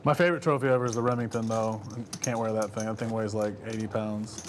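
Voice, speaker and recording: A man's voice: fairly low pitch, fairly even intonation, quick pace, a little hiss or hum. A man, a poker player telling stories in casual banter at the table.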